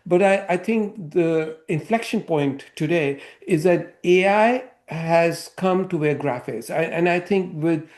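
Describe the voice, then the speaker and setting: A man's voice: on the high side, measured pace, few pauses, darkish tone. A man hosting an interview podcast, asking long questions and thinking aloud as he goes. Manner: thinks aloud with many fillers and restarts. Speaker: podcast host. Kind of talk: casual interview talk.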